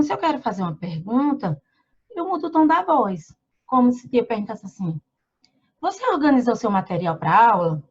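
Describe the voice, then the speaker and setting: Brazilian lady teacher, highish voice, reads slow to little kids, dull lo-fi sound. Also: darkish tone, husky. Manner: reads slowly, names punctuation aloud, asks children questions. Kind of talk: remote lesson for young children.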